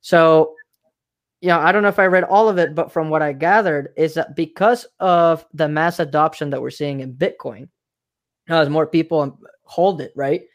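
A man's voice: fairly high pitch, normal speed. A man from Mexico hosting a casual livestream chat, rambling and hedging with filler phrases. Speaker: livestream host.

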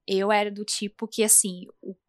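A young Brazilian woman co-hosting a podcast in casual chat with a Brazilian Portuguese accent, animated and acting out quoted friends. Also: mid-range voice, normal speed, no echo, studio quality. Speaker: podcast co-host.

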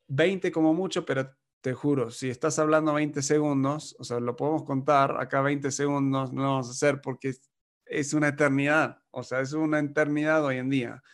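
A man's voice: medium pitch, steady tone, moderate pace. A man from the United States talking casually as a podcast co-host, explaining marketing in long runs and acting out clients in quoted voices. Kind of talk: casual conversational advice.

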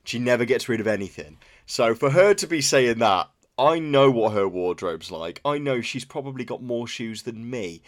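A man's voice: medium pitch, expressive, moderate pace, hardly any pauses. A man co-hosting a podcast, telling stories casually and laughing easily. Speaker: podcast co-host. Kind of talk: casual chat.

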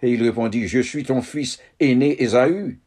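A man reading scripture aloud in a measured, solemn way, in short phrases. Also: medium pitch, a little mellow. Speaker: Bible reader.

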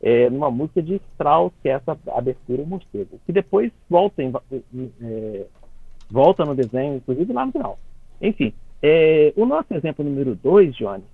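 A slightly high-pitched, very animated man with a Brazilian Portuguese accent, his voice carrying vocal fry and a breathy edge, chats casually on the radio as a conductor explaining classical music in cartoons. He restarts phrases often, tags them with quick questions, and laughs while explaining. The recording is dry, coming through a tinny phone line.

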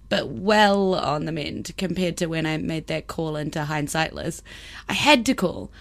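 A woman with a broad New Zealand accent chatting casually and colloquially as a podcast host. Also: fairly low pitch. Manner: colloquial, with Kiwi slang and Māori phrases.

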